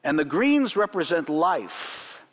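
A man's voice: a little high, big pitch swings, takes it slowly. A man leading a congregation through the items of a Seder plate, teaching in a sermon style with light jokes and chuckles. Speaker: rabbi leading a Seder demonstration. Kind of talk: sermon demonstration. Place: church sanctuary. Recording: long church hall reverb.

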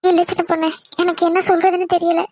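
A woman's voice: very high voice, little pitch movement, quick pace, a little mellow. A woman voicing a worried, apologetic village mother. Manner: pleading and apologetic. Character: worried middle-aged village mother, timid of her husband. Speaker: cartoon voice. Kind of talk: Tamil cartoon voice acting.

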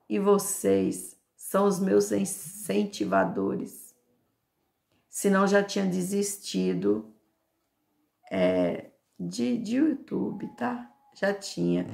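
A woman's voice: mid-range voice, gravelly. An older woman with a Brazilian Portuguese accent, a grandmother giving an informal devotional sermon to her camera, fervent, stretching out repeated words and calling out praise. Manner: fervent, drawn-out emphatic repetitions and cries of praise. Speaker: home preacher and YouTuber.

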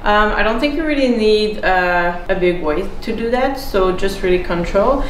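A woman's voice: medium pitch, animated, normal speed, slight background noise. Chatty young woman in a roomy garage gym. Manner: chatty, hesitant fillers, light laughs. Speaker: fitness athlete. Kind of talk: casual vlog with training tips. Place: home garage gym and kitchen. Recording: roomy garage with hip hop music behind. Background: hip hop music.

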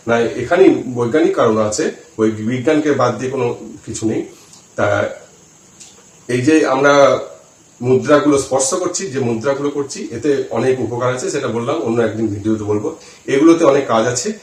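A man with a Bengali accent teaches the practice of chanting at a slow, deliberate pace, counting aloud as he demonstrates on his fingers. His voice sits at an ordinary pitch. He sounds set back from the mic, in a room with a noticeable echo. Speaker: spiritual teacher. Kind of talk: instructional talk to camera. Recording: roomy echo, voice from some distance.

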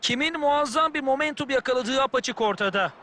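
A man's voice: extremely high pitch, fairly quick, pushed and bright. A man giving analytical football commentary as the second voice in a video game.

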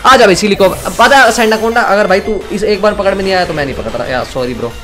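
A man's voice: high-pitched, quick pace, pushed and bright. A young man giving casual, jokey commentary while playing a video game, chatting to himself and to the game's characters. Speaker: gaming YouTuber. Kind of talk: casual Let's Play commentary. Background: faint game music.

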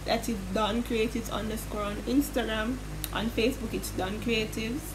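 A woman's voice: on the high side, steady tone, moderate pace. A woman vlogging in a rambling, loose and chatty way, often restarting her sentences. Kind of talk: casual chat to camera. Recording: noisy room ambience.

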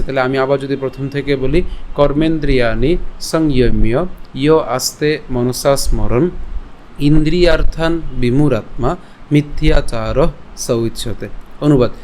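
A man teaching a class on Sanskrit verse pronunciation, breaking words into syllables slowly and chanting the verse in a melody. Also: medium pitch, darkish tone, slight background noise. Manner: slow, syllable-by-syllable demonstration of verse. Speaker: Gita recitation teacher.

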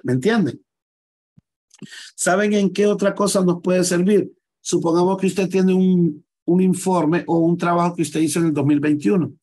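Patient man teaching software, higher voice. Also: low-quality recording. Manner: patient, repeats and checks students follow. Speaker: computer skills teacher. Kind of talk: live online class, explaining screen steps.

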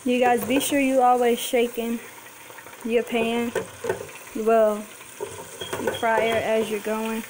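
A woman's voice: fairly high pitch, level tone, slow, long pauses, noisy background. A young woman chatting casually through a home cooking tutorial, filming on a handheld phone in her kitchen. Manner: chatty, addresses viewers as y'all and guys. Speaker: cooking vlogger. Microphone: handheld phone camera.

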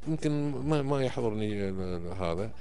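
A man's voice: fairly low pitch, animated, normal speed, dark tone, soft background music. Emphatic Kuwaiti man with a Gulf Arabic accent. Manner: emphatic, didactic, frequent checking tags. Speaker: podcast guest. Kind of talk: animated explanatory conversation on a podcast. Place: indoor podcast studio. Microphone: close studio microphone on boom arm.

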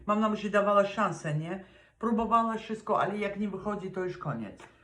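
A man's voice: sits high, animated, brisk, fairly bright tone, reverberant. A man from Poland giving a casual weekly tarot reading, chatty and direct with advice, slipping English words into his speech. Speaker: tarot reader.

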